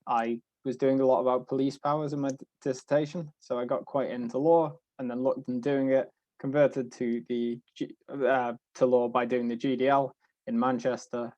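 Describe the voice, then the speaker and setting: A young man with a Liverpool accent, a barrister speaking as a guest on an online panel, relaxed and wry with frequent fillers. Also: mid-range voice, no echo. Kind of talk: casual talk on an online panel.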